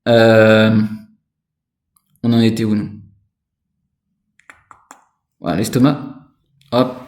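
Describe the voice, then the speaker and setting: Slow and dark-toned, this mid-range male voice carries a roomy sound. He's a spiritual energy instructor giving a loose, wandering talk on chakras and energy, speaking to the listener as "you."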